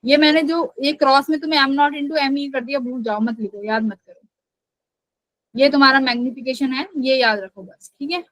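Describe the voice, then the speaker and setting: A young woman with a high voice leads a live online physics class. She explains step by step and keeps checking that her students understand. Her voice sounds dry and close, with no room echo. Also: steady tone, moderate pace, a bit bright. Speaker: physics teacher.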